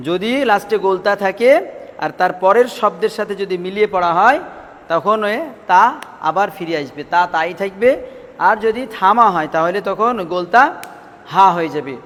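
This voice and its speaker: Guy teaching a recitation class, pretty high voice, keeps quizzing the kids, echoey room. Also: lively intonation, sharp tone. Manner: asks students questions and repeats answers, drawn-out drilled syllables. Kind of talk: classroom lesson.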